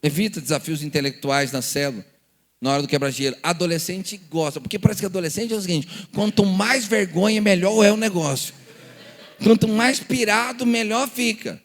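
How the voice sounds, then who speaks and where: A man's voice: high-pitched, moderate pace, in a large hall. A man with a Brazilian Portuguese accent, a pastor teaching a church seminar, telling stories and acting out the dialogues with rhetorical questions. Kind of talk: lively church seminar talk.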